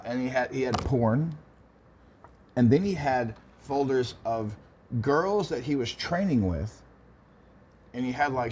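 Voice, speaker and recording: A man's voice: mid-range voice, darkish tone, slight background noise. Stammering man in casual podcast chat. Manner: rambling, stammering, swears casually. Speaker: podcast co-host.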